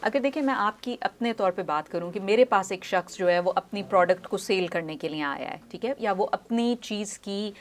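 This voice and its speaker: A woman speech pathologist is a guest in a studio interview. She explains her points patiently through everyday examples and slips English phrases into her talk. Her voice sits at an ordinary middle pitch. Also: moderate pace, few pauses. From Pakistan. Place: news studio.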